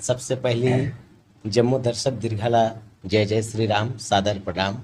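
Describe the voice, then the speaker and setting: A man from Chhattisgarh, India, with a Chhattisgarhi accent and a lowish, steady, slightly mellow voice, speaks a little slowly over faint hiss or hum. A mimicry artist and stage announcer, he greets people and introduces himself formally and respectfully in a salon.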